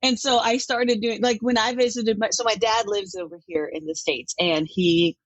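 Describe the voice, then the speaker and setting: A woman's voice: medium pitch, steady tone, moderate pace, no echo, lo-fi sound. A middle-aged woman from Denmark, a country music artist, chatting animatedly in an interview and laughing often. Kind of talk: casual interview talk.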